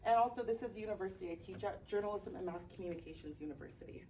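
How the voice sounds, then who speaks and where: A woman's voice: mid-range voice, rapid-fire, darkish tone. Woman, teacher from Miami, classroom presentation, frequent "right?", distant mic, faint noise. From Miami, Florida, United States. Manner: tags sentences with "right?" to check in with the audience.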